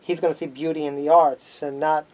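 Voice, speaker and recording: A man, a sociology student, speaking in a measured, explanatory way with fillers in a casual discussion. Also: fairly high pitch, flat delivery, darkish tone, rough recording.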